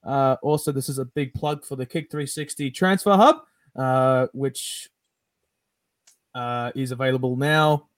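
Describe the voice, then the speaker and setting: A man's voice: mid-range voice, unhurried, no room sound. Upbeat man hosting a sports podcast. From South Africa. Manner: upbeat, hesitant, many fillers. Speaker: podcast host. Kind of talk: casual sports podcast chat.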